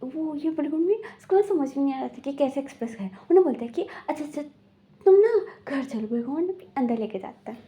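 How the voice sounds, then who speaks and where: High bright woman recapping a drama. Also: expressive, quick pace, hardly any pauses. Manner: rambling, many fillers, quotes characters in brief voices. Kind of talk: casual storytelling recap.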